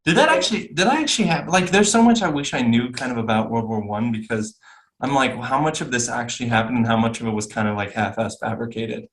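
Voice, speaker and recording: Young man, podcast host, casual movie chat, lively, excitable, casual swearing. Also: medium pitch, fast talker.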